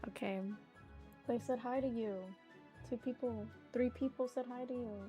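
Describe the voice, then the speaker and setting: A woman's voice: fairly high pitch, fairly even intonation, normal speed, dark tone, faint music behind. A young adult woman streaming casually, chatting playfully with lots of fillers and reading an article aloud to her viewers.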